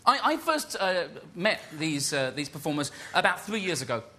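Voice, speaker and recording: A man's voice: fairly high pitch, sing-song, normal speed, pushed and bright, a little hiss or hum. A man working as a live cabaret compere, chatty and self-mocking, with hesitant comic delivery. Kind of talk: casual comic stage introduction.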